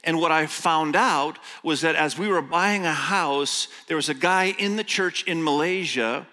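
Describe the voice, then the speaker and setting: A middle-aged man who grew up in Indonesia, speaking Indonesian as his first language, preaches as a guest pastor. His voice is on the high side and sharp, and he tells stories, reads scripture slowly and emphatically, and makes quick asides amid long church hall reverb.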